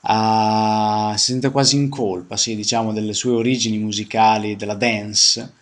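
A man's voice: lowish voice, normal speed. A man hosting a radio show, chatting casually and explaining the music he just played. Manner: relaxed, chatty, explains the song. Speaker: radio host.

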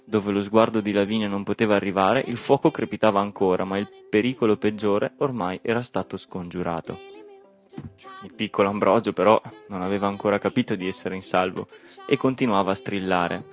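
A man narrating a children's storybook in a lively, expressive reading. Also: on the low side. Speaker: audiobook narrator.

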